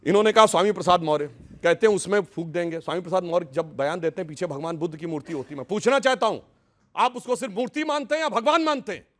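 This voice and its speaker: A man's voice: sits high, quick pace, a bit bright. A man arguing on a televised news debate, sarcastic and combative, heaping mock praise on his opponents. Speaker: political debate panelist.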